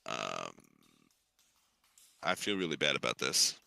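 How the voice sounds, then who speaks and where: Wry bright-voiced dungeon master. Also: male voice, very deep voice, sing-song, slow pace, creaky. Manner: dry, wry rulings, often breaking into laughter. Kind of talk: running a tabletop game on stream.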